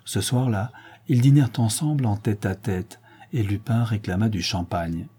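Male audiobook narrator, steady and measured, mellow dark tone. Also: on the low side, slightly rough. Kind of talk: audiobook reading.

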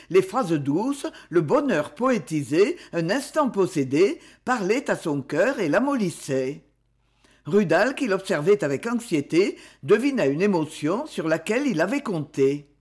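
Expressive woman reading a novel aloud. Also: lowish voice, husky. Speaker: audiobook narrator. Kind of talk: scripted narration.

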